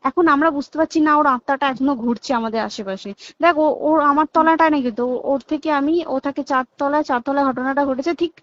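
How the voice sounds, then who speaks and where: Speaking quickly with hardly a pause, this young hospital staff member has a high, slightly bright voice and a West Bengal accent, captured dry with no echo. She tells the story of what happened in a casual recorded phone call, stressing her points and making sure the other person keeps up.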